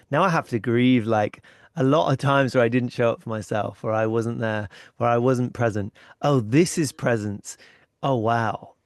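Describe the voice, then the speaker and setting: A man's voice: mid-range voice, dry recording, studio quality. A man hosting a podcast interview, talking in a thoughtful, casual way with many "like"s. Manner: thoughtful, uses "like" often, acts out inner thoughts. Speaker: podcast host.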